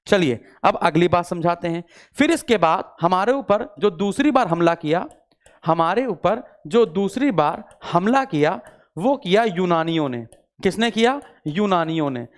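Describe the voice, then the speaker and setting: In a high, clean voice, a man teaches an online exam-prep lecture that mixes in English words. He keeps repeating points and asking students questions in a back-and-forth, call-and-response style.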